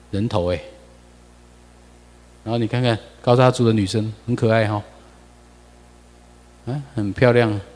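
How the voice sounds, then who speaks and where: A man with a Taiwanese accent giving a lecture over slides, animated and full of rhetorical questions to the audience. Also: medium pitch, in a large hall.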